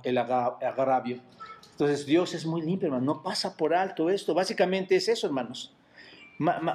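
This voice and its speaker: A man with a Mexican Spanish accent preaching a sermon as pastor, asking the congregation rhetorical questions and dropping his voice to a quiet aside on "brothers". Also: fairly high pitch. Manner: repeats "hermanos" in a dropped, quiet voice. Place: church.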